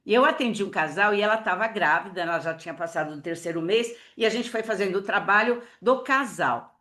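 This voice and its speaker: A woman's voice: mid-range voice, a little fast, a bit bright. A woman, a family therapist giving a chatty online workshop lecture full of fillers and case stories, speaking into a computer mic on a video call. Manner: chatty, lots of fillers, acts out quoted dialogue.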